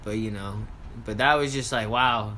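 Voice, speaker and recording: A young man telling a story in casual chat, animated and profane, often laughing. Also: fairly low pitch, normal speed.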